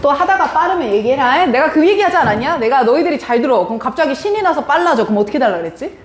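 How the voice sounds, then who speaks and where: A woman teaching a live English class, her high voice leaping around as she fires questions at the students and teases them. The sound is roomy and echoey, with a faint hiss underneath. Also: very fast. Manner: lively, questioning students, teasing.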